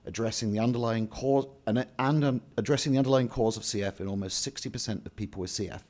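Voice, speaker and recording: Serving as speaker and emcee in a big banquet hall, this man has a lowish voice with a somewhat dark tone. He reads his prepared remarks steadily from the podium, pausing for the odd casual aside and sometimes starting a line over.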